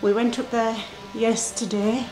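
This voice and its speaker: A woman's voice: on the high side, level tone, measured pace, over music, poor audio. A woman hosting a casual vlog, chatting as she films a walking tour through an old château. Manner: chatty, giving a walking tour while filming. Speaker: vlog host. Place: old château, stairs and rooms.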